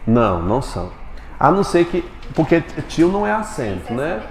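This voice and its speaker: A man's voice: on the high side, big pitch swings. Brazilian male teacher in an echoey classroom. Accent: Brazilian Portuguese. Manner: quizzes students with quick questions. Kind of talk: classroom lecture. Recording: echoey classroom with long reverb, faint noise.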